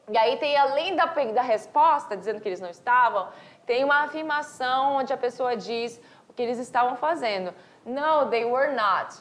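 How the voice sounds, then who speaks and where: A woman from Brazil teaching an English class, explaining step by step with rhetorical questions and reading examples slowly. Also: fairly high pitch, fairly bright tone. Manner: asks rhetorical questions and answers them. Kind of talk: recorded online class for high school.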